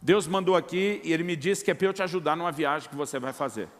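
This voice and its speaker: A man's voice: fairly high pitch, fast, long reverb tail. A middle-aged Brazilian man preaching a sermon as pastor, telling a personal testimony and acting out the dialogue, calling his listeners brother. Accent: Brazilian Portuguese. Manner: storytelling, acts out quoted dialogue, addresses listeners as brother.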